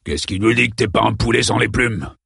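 A man voicing a menacing male gang thug with a knife, talking in gruff, threatening street slang with a gravelly, husky voice. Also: lowish voice, a little fast, fairly bright tone, no echo, clean studio sound, exaggerated voice.

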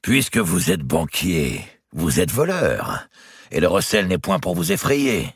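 A man's voice: low voice, very animated, a little slow, creaky, husky, no room sound, clean studio sound, voice pushed up, heavily acted. A man voicing a boisterous scheming nobleman, commanding and mocking in a storybook reading.

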